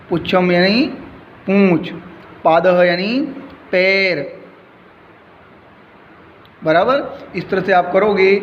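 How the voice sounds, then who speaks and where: A man with a high voice walks through a school lesson, repeating each word and its meaning in a slow, patient rhythm. The sound is dull and lo-fi, with a long reverb trailing behind him and faint noise underneath. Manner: slow, repetitive explaining, word by word. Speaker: school teacher. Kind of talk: recorded Sanskrit lesson explained in Hindi.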